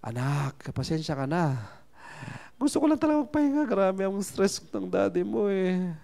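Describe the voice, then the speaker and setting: Casting: a man playing an exhausted father, weary voice, quick to snap. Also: high-pitched, very animated, gravelly, warm tone, heavily acted. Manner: weary, then snapping. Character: tired stressed father, adult man.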